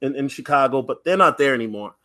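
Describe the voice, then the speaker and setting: A man's voice: medium pitch, fast talker. A man telling a personal story in a casual podcast monologue, chatty, with many fillers and restarts and frequent "right?". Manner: lively, acts out other people's lines. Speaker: podcast host.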